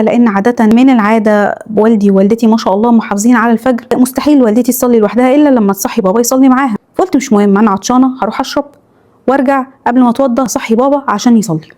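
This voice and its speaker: A woman with an Egyptian accent narrating horror stories in a quick first-person retelling. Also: on the high side, mellow. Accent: Egyptian Arabic. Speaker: storyteller reading followers' horror stories.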